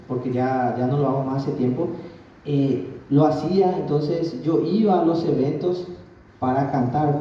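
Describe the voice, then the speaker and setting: A man's voice: mid-range voice, slight background noise. A man giving an earnest testimony to a church congregation, speaking straight to his listeners. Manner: earnest, addresses the congregation directly. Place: church hall. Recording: very echoey hall from far off, dull lo-fi.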